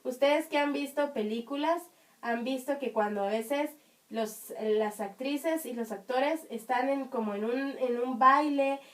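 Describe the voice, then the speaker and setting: A woman teaching young children, explaining patiently with many checking questions, her high voice strong and carrying. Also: unhurried, a bit bright, distant mic. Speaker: primary school teacher. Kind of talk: online class for children.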